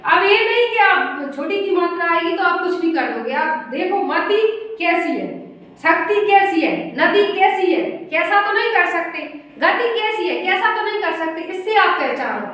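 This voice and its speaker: A woman's voice: extremely high pitch, animated, normal speed, a bit bright. A woman teaching Sanskrit grammar, reciting word forms in a rhythmic drill and often checking in with "ठीक है". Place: room, writing on a board. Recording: very echoey room, voice from a distance.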